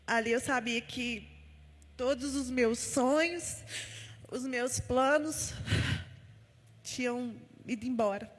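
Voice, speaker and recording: A woman's voice: on the high side, slow pace, long pauses. A woman giving a personal testimony at a church service, telling her story with heartfelt feeling and often recounting what was said to her. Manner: heartfelt storytelling, retelling conversations. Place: church hall. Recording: long reverb of a large church hall.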